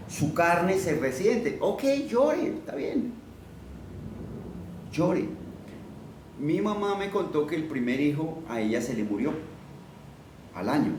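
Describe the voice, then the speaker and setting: A man's voice: medium pitch, darkish tone, reverberant, recorded from a distance, a little hiss or hum, low-quality recording. A man preaching a sermon, teaching conversationally and asking his listeners questions as he goes.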